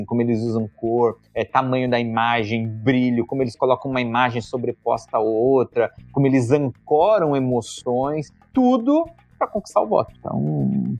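A man's voice: mid-range voice, a little mellow, dry recording. A man who teaches communication, speaking in an interview and explaining things emphatically and bluntly, sometimes swearing casually. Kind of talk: conversational interview, analytical.

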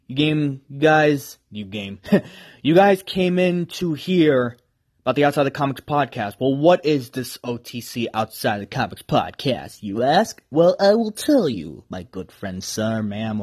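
A man's voice: mid-range voice, breathy edge. A man in his twenties hosting a solo podcast in a casual, rambling way. He is enthusiastic and self-deprecating. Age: 20s. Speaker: podcast host.

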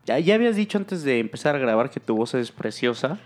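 A man's voice: mid-range voice, very animated, fast talker, soft background music. A young Mexican man hosting a podcast in casual chat, joking and slangy, trailing off with fillers. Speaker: podcast host.

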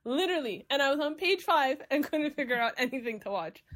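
A young woman in her twenties co-hosting a casual podcast, talking in an energetic, expressive way. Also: high voice, brisk. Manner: hyperactive, expressive. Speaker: podcast co-host. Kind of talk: casual chat.

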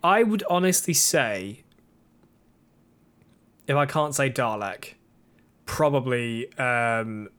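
A man co-hosting a podcast in a casual, eager chat. His voice sits at an ordinary middle pitch. He often talks over his co-host. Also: lively intonation, slow pace, pauses often, a bit bright, clean tone. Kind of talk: casual chat reviewing TV episodes.

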